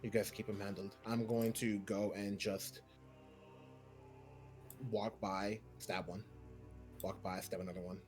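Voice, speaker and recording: A man's voice: lowish voice, flat delivery, a little slow, pauses often, a little mellow. A man chatting casually as a player in a tabletop game, informally thinking aloud about his moves. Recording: music behind the voice.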